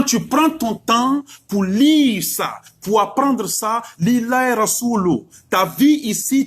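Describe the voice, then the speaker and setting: Husky and high, with pitch that leaps animatedly, the voice of a middle-aged West African preacher carries an emphatic religious exhortation. Again and again he poses rhetorical questions and repeats lines to hammer his message home.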